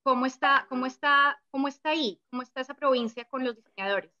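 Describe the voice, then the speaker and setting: A woman's voice: high-pitched, fast, bright, forceful tone, highs cut off. A woman guest explaining study programs, listing options steadily with small fillers. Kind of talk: casual chat.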